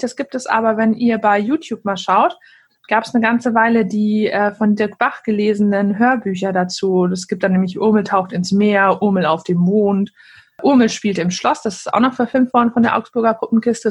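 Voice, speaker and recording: A woman reading a children's book aloud with lively asides to listeners, then chatting casually about it. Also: medium pitch, moderate pace, breathy edge.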